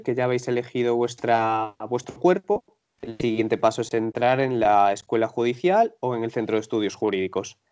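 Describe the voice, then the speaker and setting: A male interviewer poses measured, curious questions at a steady pace. His voice is smooth and resonant, sitting in a middle range. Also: mid-range voice. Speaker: host.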